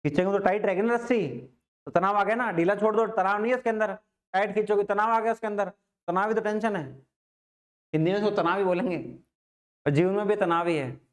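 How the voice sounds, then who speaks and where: A man's voice: sits high, steady tone, fast talker. A man teaching physics in a casual classroom lecture, repeating questions to his students.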